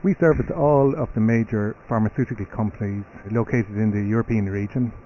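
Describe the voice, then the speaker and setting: A middle-aged Irish man, a company CEO, appears as a guest on a live radio interview, speaking briskly in a lowish voice. He often restarts and repeats words and leans heavily on "you know." The audio is dull, with a little hiss or hum.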